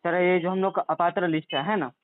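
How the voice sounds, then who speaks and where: On a phone call, a young job applicant speaks fast in a high, steady voice, hesitantly and deferentially pleading as he negotiates. There's no echo, and the recording has the tinny, narrowband quality of a phone line.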